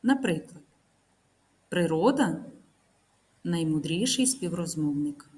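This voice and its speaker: A woman teacher narrating a recorded grammar lesson, reading example sentences slowly and carefully. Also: lowish voice, animated, a little mellow. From Ukraine.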